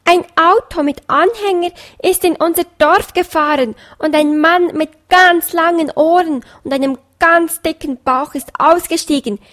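Woman doing a shrill, flustered farm hen for a storybook, pitched well up. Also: fairly bright tone. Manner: shrill, hurried. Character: flustered cackling brown hen.

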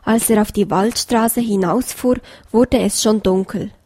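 A woman reading a children's story aloud with slow, gentle storytelling. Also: mid-range voice, steady tone, husky, no room sound, studio quality. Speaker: reader.

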